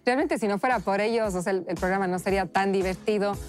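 A woman's voice: mid-range voice, soft background music. Chatty woman with a Cuenca accent. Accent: Cuenca, Ecuador. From Ecuador. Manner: chatty, laughs often, quick repeated words. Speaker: chef and guest. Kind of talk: casual interview chat.

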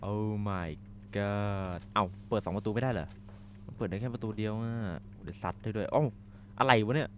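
A young man commentating a horror game as he plays, swearing and shouting when startled. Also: fairly low pitch, steady tone, moderate pace, a little hiss or hum. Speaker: gaming streamer.

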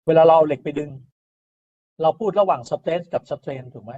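A male lecturer walks through engineering graphs in a relaxed, step-by-step way. He often checks his listeners are following. His voice sits somewhat high, and the recording sounds dull and lo-fi, as if it came from a basic computer mic. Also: normal speed. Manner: explains step by step, often asks "right?" and adds polite particles.

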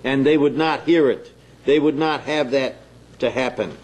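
A man preaching a sermon in a slow, deliberate, emphatic way, pausing between phrases. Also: mid-range voice, a little mellow.

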